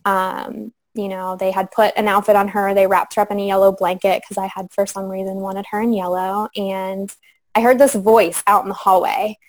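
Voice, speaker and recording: A young woman guest on a podcast interview, speaking softly and reflectively with frequent pauses and fillers. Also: medium pitch, little pitch movement, rough recording. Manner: soft, reflective, many fillers. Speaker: guest sharing her story. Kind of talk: conversational interview.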